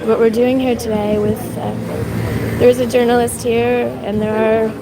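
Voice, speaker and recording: A Canadian woman with a mixed Canadian and Irish accent livestreams outdoors on a city street, walking and shivering from the cold while thanking viewers between rambling comments laden with fillers. Her fairly high voice holds a level tone at normal speed, against heavy background noise from the crowd.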